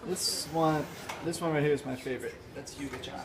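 In a casual vlog shot on a handheld phone inside a cafe, a young man with a fairly high-pitched, brisk voice giggles and baby-talks to the surrounding cats. Phone audio with room noise.

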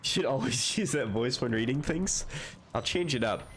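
A man's voice: mid-range voice, expressive, normal speed, fairly bright tone, slight background noise. A man streaming a horror game, chatting and joking, with jumpy reactions to scares. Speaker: gaming streamer. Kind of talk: let's play commentary.

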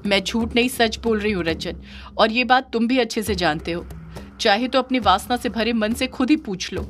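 A woman's voice: fairly high pitch, normal speed, faint music behind, lightly acted. A woman voicing a devoted, defiant female yakshini spirit in an audio horror story, speaking firmly. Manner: firm, defiant.

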